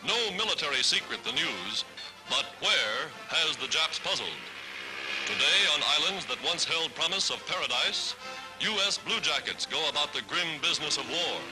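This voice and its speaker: A man narrates an old 1940s wartime newsreel in a dramatic, declamatory announcing style. His voice sits somewhat high, with a loud music score underneath. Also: lively intonation, normal speed, low-quality recording.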